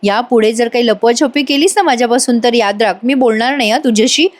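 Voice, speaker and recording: A woman's voice: on the high side, fast talker, natural voice. A woman voicing a protective young man who teases his younger brother and sister-in-law. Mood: teasing.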